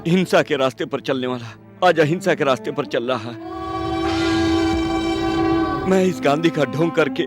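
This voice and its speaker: A male actor playing a corrupt politician, now remorseful, who confesses his crimes in a somewhat raised voice. Dubbed film dialogue with loud music underneath. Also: on the high side, a little slow, pauses often, natural voice.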